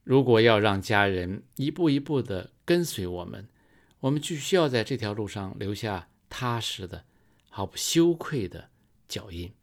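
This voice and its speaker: A man preaching a sermon in a slow, measured storytelling manner, rising for emphasis. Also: fairly low pitch, lively intonation.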